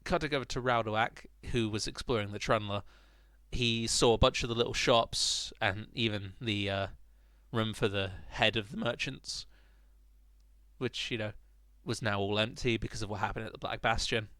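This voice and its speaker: A man's voice: fairly low pitch, fairly even intonation, moderate pace, pushed and bright, no echo, studio quality. A man narrating an informal recap of a tabletop game in a dramatic, emphatic storytelling manner.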